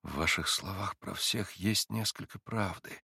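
A man voicing a gentle, serious young monk in an audiobook reading, speaking quietly and gravely. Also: low voice, moderate pace, dry recording, clean studio sound, voice pushed down. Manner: quiet, grave, few words.

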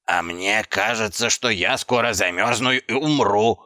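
A man's voice: on the low side, measured pace, bright, forceful tone, no room sound, studio quality. A man voicing a city watchman who is freezing, stammering and shivering with cold. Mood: urgent.

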